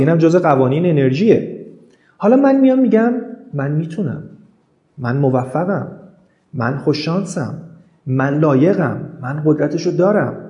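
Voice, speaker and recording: Earnest motivational man, mellow and roomy. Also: on the high side. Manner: earnest, repeats affirmations in rhythmic lists. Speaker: motivational speaker. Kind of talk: self-help monologue.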